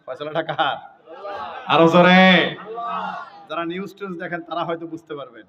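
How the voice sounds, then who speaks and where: A man preaching a loud, emphatic sermon at a mahfil, calling on the crowd to answer and chanting Quranic verses. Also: on the high side, fairly even intonation, normal speed, muffled recording, background noise. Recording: voice from far off the mic.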